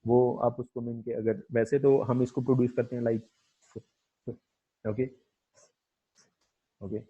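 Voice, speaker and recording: A man giving a phonetics lecture, hesitant, filling pauses with "okay" and slowly demonstrating sounds. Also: medium pitch, level tone, husky. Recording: muffled lo-fi recording.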